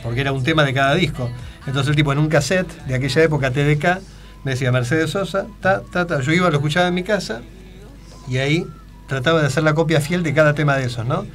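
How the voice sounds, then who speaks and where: Faint music plays behind this fast-talking man, whose voice sits on the high side with a fairly bright tone. He's a middle-aged Argentine guest impressionist in a radio studio, a chatty joke-telling storyteller in a casual interview, speaking with an Argentine Spanish accent.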